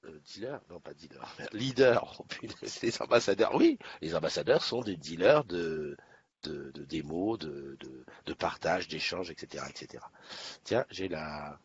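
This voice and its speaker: A man's voice: sits low, animated, a little slow, lo-fi sound. A man hosting a casual morning live stream, chatty and upbeat, greeting viewers one by one by name. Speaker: livestream host. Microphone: webcam setup.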